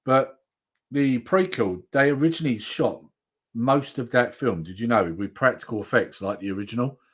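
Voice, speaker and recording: A man's voice: mid-range voice, moderate pace, slightly rough. Man telling film stories. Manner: animated storytelling with laughs and swearing. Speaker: co-host of a comics stream. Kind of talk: casual chat.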